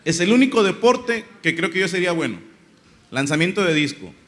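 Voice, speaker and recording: A man's voice: high voice, big pitch swings, a little fast, fairly bright tone. A young man from Monterrey, doing a rambling, crude stand-up monologue full of slang. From Monterrey, Mexico. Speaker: comedian.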